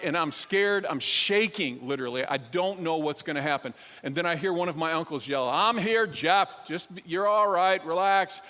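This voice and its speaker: A male pastor preaching a sermon to a church crowd, telling a personal story in an animated way and speaking straight to the listeners. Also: high voice. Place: church sanctuary. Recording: long hall reverb.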